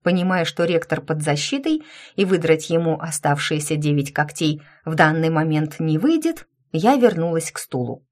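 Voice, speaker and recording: A woman reading a first-person fantasy audiobook, lively and mocking in dialogue. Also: sits low, normal speed. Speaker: audiobook narrator.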